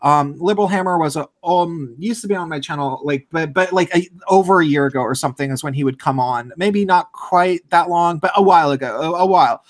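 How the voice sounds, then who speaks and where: A man's voice: on the high side, fairly quick, hardly any pauses. A man hosting a casual political chat show over a video call, rambling and restarting his sentences often. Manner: rambling, with many restarts and filler words. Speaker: host.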